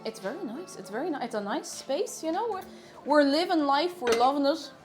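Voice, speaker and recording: A woman's voice: sits high, lively intonation, brisk, over music. A woman hosting a casual livestream, chatting playfully with viewers, repeating phrases and slipping into sing-song nonsense syllables. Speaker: live streamer host. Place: kitchen at home.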